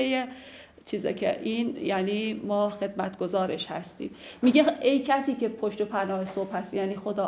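A woman teaching classical poetry, explaining the lines in a chatty way and reciting the verses slowly and with care. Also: on the high side. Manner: slow, measured recitation of verse, lively conversational explanation.

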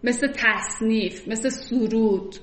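Brief: fairly high-voiced woman teacher, reads poetry slowly and chats through its meaning, echoey room. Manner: recites verses slowly, then explains in casual speech. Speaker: literature teacher. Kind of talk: poetry lesson, reciting and explaining verses. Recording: roomy echo.

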